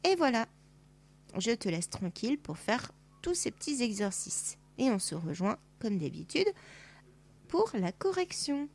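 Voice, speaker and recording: A woman's voice: on the high side, sing-song, measured pace. A woman primary school teacher talking a young pupil through worksheet exercises, patient and sing-song, drawing words out for a child.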